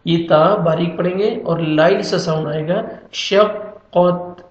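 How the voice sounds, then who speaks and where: A Quran teacher with a high-pitched, steady voice gives a reading lesson, patiently and instructively spelling out letters and vowel marks, drilling each syllable one by one. The recording is muffled and reverberant.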